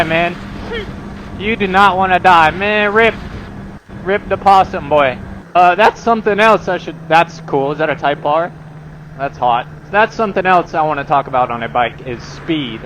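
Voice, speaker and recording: Riding a motorcycle on the road, a man vlogs to his viewers with casual, slangy, profanity-laced commentary. His voice is on the high side and fairly bright. Engine and traffic noise fill the outdoor recording.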